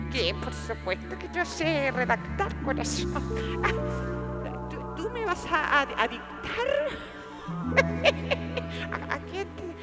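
A woman's voice: extremely high pitch, very animated, takes it slowly, long pauses, over loud music, exaggerated voice. An actress with a Chilean accent playing an elderly woman who dotes on her houseplants, stammering and chatting back to them on stage. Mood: amused. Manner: endearments, stammering restarts, talks back to unseen plants. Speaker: stage actor. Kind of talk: theatre monologue. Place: theatre stage.

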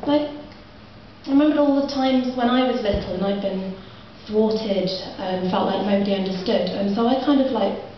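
A woman's voice: medium pitch, moderate pace, hardly any pauses, slight background noise. A young woman poet performing a chatty, self-mocking spoken word set, giggling through her lines. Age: young adult. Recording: muffled, very echoey, from far off.

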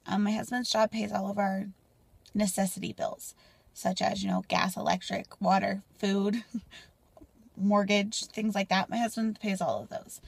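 A woman in her twenties talking candidly to a phone camera in a car, rambling and sometimes dropping to a soft near-whisper. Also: medium pitch, creaky, breathy edge, no echo. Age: 20s. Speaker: mom vlogger. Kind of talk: casual personal vlog. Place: parked car, indoors. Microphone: phone camera at arm's length.

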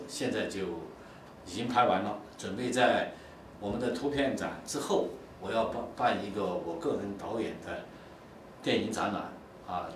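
Low-voiced man speaking in an echoey hall. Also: distant mic, slight background noise. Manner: halting, with many fillers and pauses. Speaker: film director. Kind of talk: casual on-site remarks. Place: large indoor exhibition hall.

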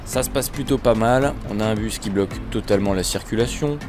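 A man giving casual, joking commentary while playing a bus driving game, with his voice jumping up in pitch when excited. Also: fairly quick, music in the background. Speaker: gaming video creator.

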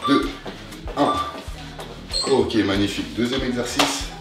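A young man coaches a workout in his indoor living room while exercising himself, cheering people on with short, motivating instructions. He speaks slowly in a mid-range voice. The room is very echoey, the mic is distant, and music plays clearly behind him.

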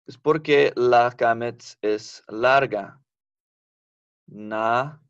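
A man's voice: mid-range voice, lively intonation, dry recording, muffled recording. A man teaching a Biblical Hebrew grammar class online, explaining patiently and checking with students as he goes. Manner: patient, explains slowly, asks the class for confirmation.

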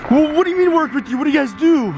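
This man in his twenties races along in an extremely high voice over a noisy background and loud music. Vlogging dramatically, gasping and addressing viewers as "guys" again and again, he goes from a nighttime outdoor scene to an indoor room.

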